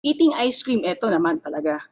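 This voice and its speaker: A woman's voice: lowish voice, big pitch swings, fairly quick, darkish tone, husky. A woman with a Filipino accent giving an explanatory health talk, mixing Filipino and English and often checking in with her listeners. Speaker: health educator.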